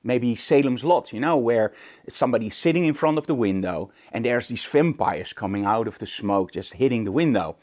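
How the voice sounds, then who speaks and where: Animated and darkish in tone, a mid-range male voice at normal speed belongs to a photography instructor hosting a casual to-camera tutorial. He comes from the Netherlands, speaks Dutch natively, and talks conversationally with emphasis and rhetorical questions.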